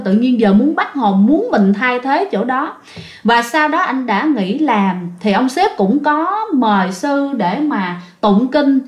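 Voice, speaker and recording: A woman with a Southern Vietnamese accent telling a ghost story in a chatty way, talking straight to her listeners. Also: fairly high pitch. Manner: chatty, addresses listeners directly. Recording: roomy, slightly dull recording.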